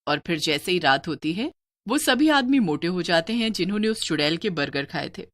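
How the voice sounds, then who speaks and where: A woman narrating a cartoon story in an expressive, storytelling manner. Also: fairly low pitch, brisk.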